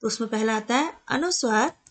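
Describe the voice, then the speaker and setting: A woman teaching a grammar lesson, explaining slowly and sounding out examples letter by letter, often asking a question and answering it herself. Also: fairly high pitch. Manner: slow, deliberate explaining with spelled-out examples; asks the viewer questions and answers them herself.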